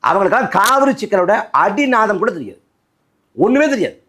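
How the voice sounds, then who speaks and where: A man from Nadu, speaking as a party spokesman in a political interview, forceful and rhetorical, repeating phrases for emphasis. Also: high-pitched, big pitch swings, fairly quick, a little hiss or hum.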